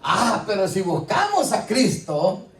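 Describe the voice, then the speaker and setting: A high-pitched male preacher takes things slowly, with huge pitch swings, vocal fry, and a fairly bright tone. Recorded from a distance in an echoey church hall, he addresses the congregation conversationally with frequent rhetorical questions, amid faint ambience and their responses.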